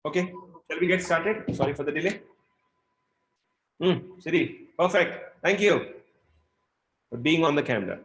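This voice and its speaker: A man's voice: fairly high pitch, lively intonation, moderate pace, long pauses, a bit bright, rough recording. A man teaching a live online class over a video call, chatty and informal, apologizing for running late. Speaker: instructor.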